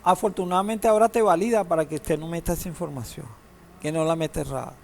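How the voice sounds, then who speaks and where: A man's voice: on the high side, quick pace, creaky, a little mellow, a little hiss or hum. A man teaching a database class, lecturing in a classroom, asking students questions and joking now and then. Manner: asks the class questions, uses humor.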